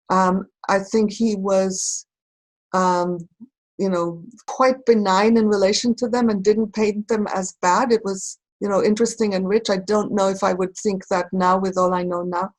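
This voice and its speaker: A woman from Israel speaking reflectively in a recorded conversation, pausing and searching for her words. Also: mid-range voice, poor audio. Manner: thoughtful, halting, searching for words. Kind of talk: reflective talk.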